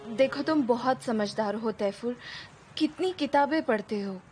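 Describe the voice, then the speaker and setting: A restless young woman, dubbed by an actress, speaks in a high, light voice with an exasperated, scolding edge. She reasons and argues in steady drama dialogue, quick to lose patience. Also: a little hiss or hum, lightly acted. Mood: reasoning.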